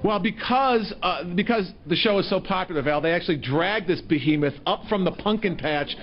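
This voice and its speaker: A man's voice: high-pitched, lively intonation, brisk, highs cut off. A man reporting live from an outdoor farm on a handheld mic, joking and upbeat. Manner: jokey, upbeat. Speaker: field reporter.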